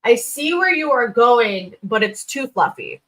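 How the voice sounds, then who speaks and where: Slightly high and a bit bright, her voice swings widely in pitch as she speaks a little slowly over a rough recording. She's a livestream host reviewing resumes, blunt and informal, thinking aloud with sing-song filler sounds.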